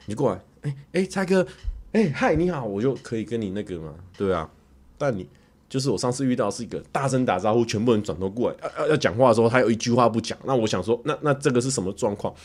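A man with a Taiwanese Mandarin accent telling a story casually on a livestream, animated and stammering through repeated words as he acts it out. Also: mid-range voice. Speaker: livestreamer and YouTuber.

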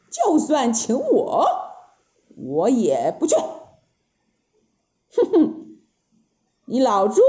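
A boastful, fiery monkey king, as a woman storyteller puts him on, talking in a high and brash tone that leaps all over the place. He sounds scornful and quick to anger in this storybook tale. The recording is roomy and somewhat dull. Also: a little mellow, exaggerated voice. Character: boastful hot-tempered male monkey king.

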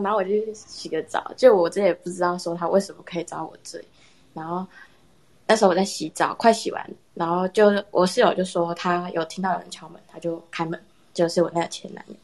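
A young woman casually telling a personal story in a chat with friends, animated and laughing often. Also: on the low side. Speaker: storyteller in a horror story contest.

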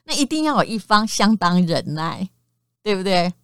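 A middle-aged woman hosting a podcast in relaxed, candid conversation. She speaks at a middling pitch and stretches her sentence-ending particles. The sound is dry and close to the mic. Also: smooth, no echo. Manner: candid, chatty, sprinkles sentences with drawn-out particles. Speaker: podcast host. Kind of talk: casual chat.

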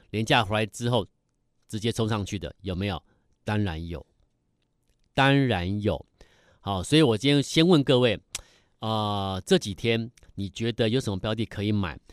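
A man's voice: lowish voice, no room sound, clean studio sound. A middle-aged man giving broadcast stock market commentary, emphatic and full of rhetorical questions.

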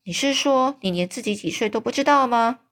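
A woman's voice: fairly high pitch, a little fast, a bit bright, pitched above the performer's own voice, lightly acted. A woman voicing a small, curious and polite young girl who asks many questions.

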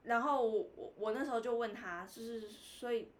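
A woman with a Taiwanese Mandarin accent hosting a casual podcast chat, telling a story with animated voices. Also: a little high, moderate pace. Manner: animated storytelling, mimics the dentist. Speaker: podcast host.

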